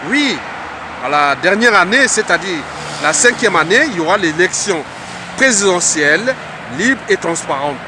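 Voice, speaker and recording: A man's voice: sits high, expressive, moderate pace, noisy background. A man from the Republic of the Congo giving an earnest, repetitive political address, speaking like an orator.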